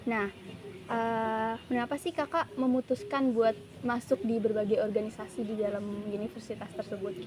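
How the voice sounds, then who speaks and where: A woman's voice: on the high side, flat delivery, moderate pace. Hesitant woman asking interview questions. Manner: hesitant, with many fillers. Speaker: student interviewer.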